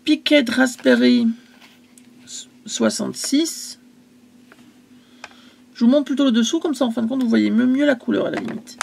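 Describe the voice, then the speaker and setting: Gravelly-voiced woman selling craft supplies. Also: a little high, moderate pace, long pauses, a little mellow, slight background noise. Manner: chatty, hesitant, apologizes for her English. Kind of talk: casual selling vlog.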